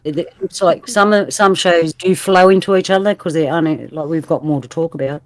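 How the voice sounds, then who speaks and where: A woman's voice: fairly low pitch, moderate pace. A woman hosting a casual roundtable over a video call, chatty and loose, with fillers. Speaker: host.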